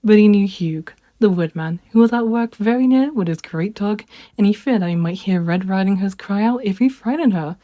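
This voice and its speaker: A woman reading a children's fairy tale aloud in a gentle, expressive way. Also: mid-range voice, normal speed, no room sound, clean studio sound. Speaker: storyteller.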